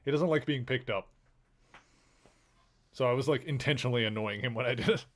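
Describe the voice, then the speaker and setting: A man talks loosely while live streaming a game, wandering between thoughts. He coos affectionately to his pets. His voice sits at an ordinary middle pitch. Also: fairly quick. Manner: rambling and affectionate, cooing to his pets in a baby voice.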